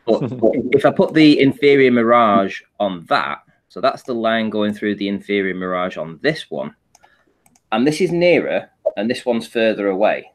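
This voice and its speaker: This panel guest has a fairly low-pitched, expressive voice and a measured pace. He presents a photo analysis casually, taking listeners through the shared images stepwise and making sure they follow along.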